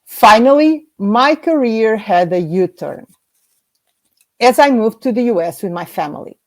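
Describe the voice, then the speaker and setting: A woman from Portugal, a scientist, giving a prepared slide presentation in a measured way, reading through lists. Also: on the high side, lively intonation.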